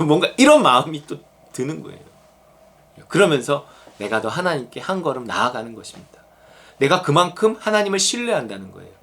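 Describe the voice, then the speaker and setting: Middle-aged male pastor, high and very expressive delivery, casual, conversational preaching. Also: fairly quick. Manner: animated, conversational preaching with acted-out quotes. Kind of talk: sermon.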